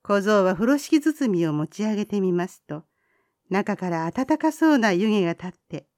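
A woman reading a children's folk tale aloud, gentle and expressive. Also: mid-range voice, normal speed, no echo, studio quality. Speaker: storyteller.

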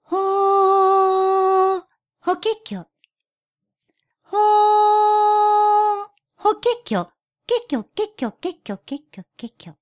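A woman's voice: very high voice, slow pace, long pauses, pitched above the performer's own voice. A woman voicing a cheerful but wary female bush warbler, speaking in a lilting, prim and teasing way. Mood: singing calls. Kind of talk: storybook reading.

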